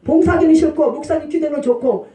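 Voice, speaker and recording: A middle-aged woman pastor preaching a sermon, questioning the congregation in a lively call-and-response manner. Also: high voice, quick pace. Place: church sanctuary. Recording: roomy church hall, distant mic.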